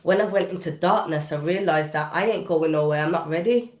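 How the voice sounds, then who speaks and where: A woman's voice: on the low side, a little fast, reverberant. British woman telling an intense personal story. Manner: vivid, intense retelling with casual dialect grammar. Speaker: guest recording artist. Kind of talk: emotional personal storytelling in a podcast interview.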